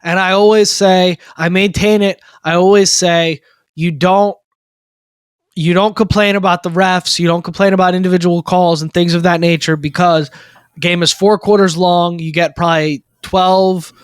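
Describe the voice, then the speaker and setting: A young man in his twenties co-hosting a sports talk podcast, excited and emphatic, repeating phrases for effect. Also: sits high, normal speed, smooth, no echo, clean studio sound. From Maryland, USA. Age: 20s. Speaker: co-host.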